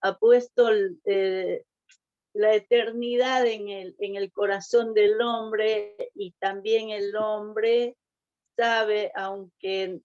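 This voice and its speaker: A woman's voice: medium pitch, flat delivery, very slow, darkish tone, no echo. A woman taking part in a Bible study, commenting hesitantly with fillers and questioning tags. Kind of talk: casual comment in group discussion. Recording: dull, muffled audio.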